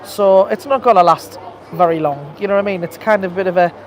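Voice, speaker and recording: A woman's voice: lowish voice, fast talker, darkish tone. A woman co-hosting a casual live stream outdoors, chatting and laughing easily. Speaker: co-host. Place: outdoors in a seaside town.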